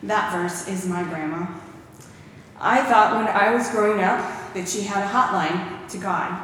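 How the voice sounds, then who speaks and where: A woman's voice: mid-range voice, a little slow, slight background noise. A woman giving a testimony talk in church, telling stories and quoting scripture. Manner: warm storytelling with scripture quotes. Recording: echoey hall recorded from far off.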